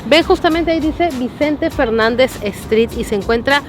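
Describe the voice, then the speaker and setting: A woman hosting a travel vlog, presenting as a lively tour guide outdoors in a city plaza. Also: high voice, normal speed, background noise. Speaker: travel vlogger host and interviewer.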